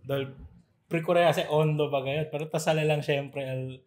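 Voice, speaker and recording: Animated man telling stories. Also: fairly high pitch, normal speed. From Zamboanga, Philippines. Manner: animated storytelling with playful mimicry. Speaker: podcast co-host. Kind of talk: casual chat.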